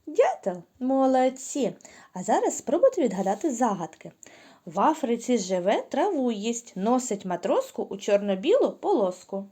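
A woman's voice: fairly high pitch, dark tone. A woman teaching a lesson to small children, speaking patiently and drawing out sounds in sing-song drills. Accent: Ukrainian. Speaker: preschool teacher.

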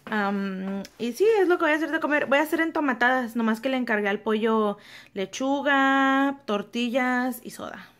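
A woman's voice: a little high, moderate pace, fairly bright tone. A young woman, chatting casually to her viewers in a home kitchen vlog. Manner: chatty, talks to viewers as friends. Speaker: vlogger.

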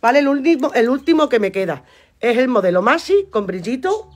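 Chatty high-voiced woman selling clothes. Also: sing-song, a little fast. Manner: chatty, affectionate, repeats prices and calls viewers darling. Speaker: live-stream clothing seller. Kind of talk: live sales pitch.

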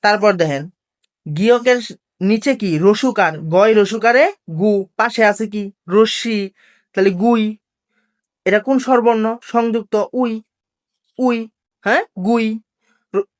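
A woman language teacher giving a step-by-step lesson, patiently asking questions and then repeating each answer herself. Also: fairly high pitch.

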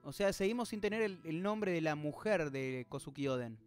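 A man's voice: a little high, animated, normal speed, clean tone, soft background music. A man hosting a manga reaction, reading the panels aloud and stopping to puzzle over details and reply to chat comments.

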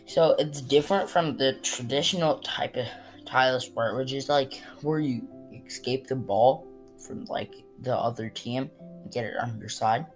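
A woman's voice: very deep voice, a little slow. A woman chatting casually through a Lego build vlog, rambling and hesitant with lots of fillers. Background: guitar music.

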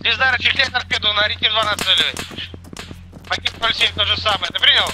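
A man's voice: sits high, quick pace, over music. A man giving brusque, swearing commands as a squad leader over tactical game voice chat. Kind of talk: tactical voice chat during gameplay. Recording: noisy gaming voice chat with gunfire.

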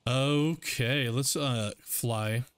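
A man hosting a gaming channel, chatting casually and excitedly over his gameplay and laughing often. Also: medium pitch, drawn-out words, smooth, no room sound. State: hiccups.

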